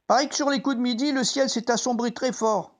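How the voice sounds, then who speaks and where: An actor playing a troubled, conscience-stricken Roman centurion, reflecting deliberately in a dramatic biblical monologue as if talking to himself. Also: medium pitch, steady tone, close to an everyday voice. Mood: solemn recounting. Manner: introspective, deliberate, theatrical.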